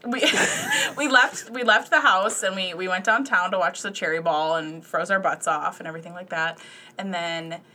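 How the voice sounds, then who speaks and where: A woman's voice: on the low side, moderate pace. A young adult woman telling a casual anecdote as a podcast guest, acting out the dialogue as she goes. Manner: animated, acts out quoted dialogue.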